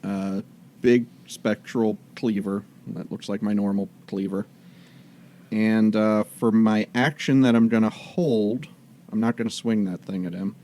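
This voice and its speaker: A man's voice: fairly low pitch, fairly even intonation, unhurried, dark tone. A man playing a tabletop game, chatty and thinking his moves through aloud with many fillers. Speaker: player. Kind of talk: casual tabletop game play.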